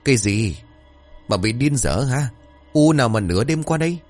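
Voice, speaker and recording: A man voicing a short-tempered old village husband who scolds loudly. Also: medium pitch, expressive, fast talker, breathy edge, faint music behind, voice pushed up. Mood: angry scolding. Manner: scolding, loud.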